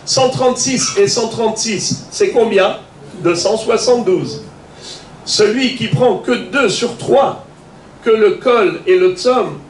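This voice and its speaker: A man's voice: high-pitched, recorded from a distance. A man, a rabbi, giving a religious lesson, explaining step by step and asking rhetorical questions as he goes. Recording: echoey room, voice from afar, faint noise.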